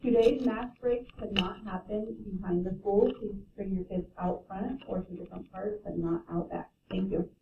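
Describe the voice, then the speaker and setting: A woman's voice: mid-range voice, fairly even intonation, normal speed, hardly any pauses. A woman making a school intercom announcement, heard through a tinny PA speaker in a room. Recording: tinny, echoey distant intercom with noise.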